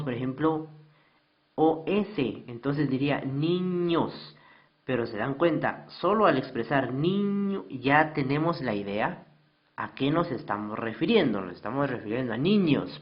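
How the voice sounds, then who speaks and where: Guy teacher explaining slides real slow, keeps repeating stuff and asking the class, muffled lo-fi audio. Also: mid-range voice. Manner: patient, repeats definitions and asks the class questions. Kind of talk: recorded slideshow lesson.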